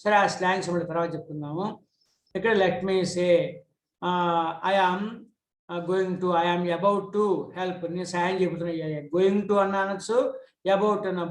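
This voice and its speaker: A middle-aged man who speaks Telugu as his first language teaches English grammar. He reads English examples slowly, then explains them quickly. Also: high-pitched. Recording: echoey room.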